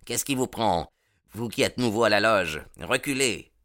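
A man's voice: on the low side, moderate pace, fairly bright tone, no room sound, studio quality, voice pushed up, lightly acted. A man voicing a brutal male gang leader who barks orders in a raised, harsh voice. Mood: angry.

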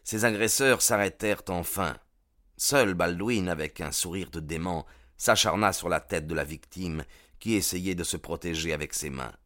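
A male audiobook narrator with a very low voice. He tells the story in a measured, grave manner, recorded close and dry with no room sound. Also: a bit bright, no room sound. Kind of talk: scripted narration.

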